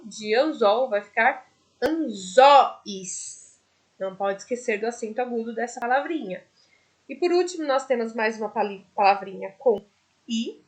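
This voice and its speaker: A woman teaching a primary school class in a recorded video lesson, with a Brazilian Portuguese accent, patiently explaining each step. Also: on the high side.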